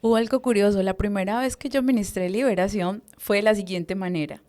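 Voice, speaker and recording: A woman's voice: medium pitch, fairly quick. Woman telling a vivid church testimony. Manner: lively storytelling, acts out voices. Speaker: deliverance minister giving testimony. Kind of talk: personal testimony interview.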